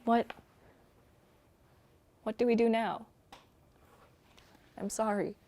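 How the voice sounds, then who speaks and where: A woman playing a young woman facing her end together with her partner, speaking softly and tenderly in a drama reading. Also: fairly high pitch, flat delivery, slow. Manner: soft, tender, often hushed. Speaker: actor. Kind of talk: staged radio-style drama reading.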